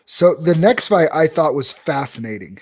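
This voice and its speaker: A man's voice: fairly high pitch, expressive, darkish tone, slightly rough. Joking opinionated young man. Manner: opinionated, joking, quick asides. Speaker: podcast co-host. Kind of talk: casual fight recap chat.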